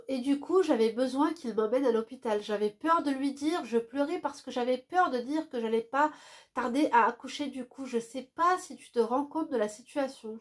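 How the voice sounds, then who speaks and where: A woman with a stuffy, nasal voice from a cold, reading a viewer's letter aloud and dropping to soft asides between passages. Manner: drops to a soft, low voice for quick asides.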